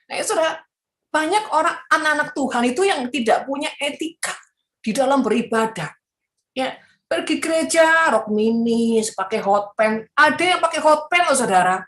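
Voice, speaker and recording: Animated woman preaching in an echoey room. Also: high voice, moderate pace. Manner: animated, mocking quoted voices, frequent asides. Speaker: evangelist preacher. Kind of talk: sermon.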